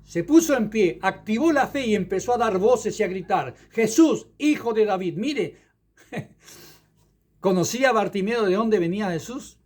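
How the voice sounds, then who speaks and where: High-voiced man preaching a fervent sermon. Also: animated, normal speed, a little mellow. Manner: fervent preaching with interjected hallelujahs. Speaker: evangelist.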